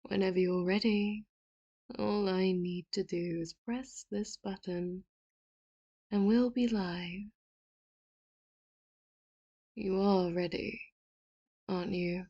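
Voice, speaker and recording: An ASMR roleplay voice actor plays a possessive, doting female villain, addressing the listener in a soft, intimate, coaxing voice that drifts into whispers and sweetly manipulative talk punctuated by quiet laughs. Her mid-range voice stays steady, slow, and full of long pauses, with lo-fi sound.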